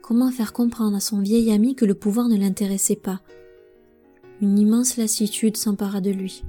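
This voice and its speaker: A woman narrating a novel as an audiobook in an expressive, measured way. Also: medium pitch, soft background music. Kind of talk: scripted narration.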